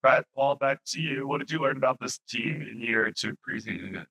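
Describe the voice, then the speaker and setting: A man acting as interviewer, putting questions to players and coach in a brisk, to-the-point way. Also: medium pitch, pushed and bright, breathy edge, poor audio.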